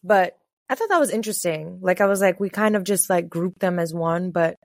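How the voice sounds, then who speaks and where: A woman from the Caribbean, co-hosting a podcast in casual chat, chatty and quick to laugh. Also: lowish voice, animated, a little mellow, no echo. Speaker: podcast co-host.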